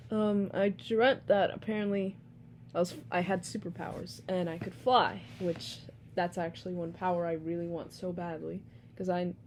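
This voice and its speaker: Young woman vlogger, sleepy, rambling, darker mellow tone, low-ish pitch. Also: a little hiss or hum. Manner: rambling, with fillers and yawns. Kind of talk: casual vlog talk.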